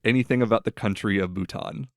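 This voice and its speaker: A young man hosts a casual podcast chat, his voice fairly low and smooth. He rambles through stories, leaning on "like" and other fillers. The sound is dry and close, with no room echo. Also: fast. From United States. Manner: rambling storyteller, filler-heavy, lots of "like". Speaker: podcast host.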